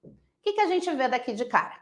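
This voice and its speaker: Playful high-voiced Brazilian teacher, woman. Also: quick pace, roomy sound. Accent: Brazilian Portuguese. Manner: playful, animated, uses silly nonsense sounds and voices. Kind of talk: online essay-writing lesson.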